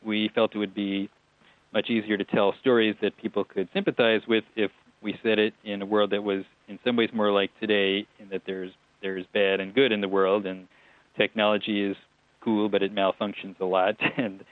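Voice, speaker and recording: Man, phone-line sound, low voice, chatty digressive answers, interview guest. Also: level tone, moderate pace, no echo. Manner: chatty, digressive, with laughs and restarts. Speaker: TV writer-producer guest.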